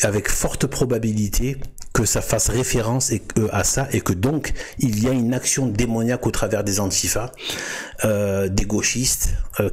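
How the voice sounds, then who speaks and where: A man with a low voice and a husky edge talks in a loose, unscripted monologue. He circles back on his words, fills gaps, and restarts half-finished sentences as he walks his viewers through a web page. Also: a little mellow. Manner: halting, full of restarts and fillers. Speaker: video host. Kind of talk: casual explanatory monologue.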